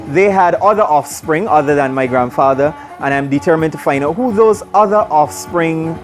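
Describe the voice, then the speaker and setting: Earnest man narrating a vlog. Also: a little high. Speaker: vlogger. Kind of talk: vlog narration about an event.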